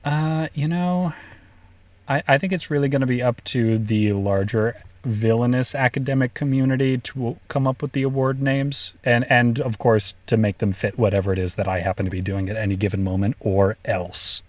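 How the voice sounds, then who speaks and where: A man's voice: mid-range voice, normal speed, a little mellow, no room sound. A man co-hosting a podcast in casual chat, joking in a dry, mock-serious way. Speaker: podcast co-host.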